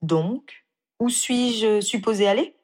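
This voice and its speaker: A woman's voice: medium pitch, slow, a little mellow, voice pushed up, natural voice. A woman reading aloud, voicing an earnest, slightly sheepish young man in a storybook.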